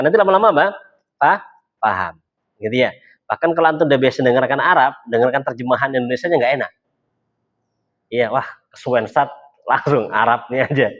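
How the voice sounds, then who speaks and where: A man teaching an Arabic class in a relaxed, chatty way, often repeating words and acting out short dialogues. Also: mid-range voice. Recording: dull lo-fi recording.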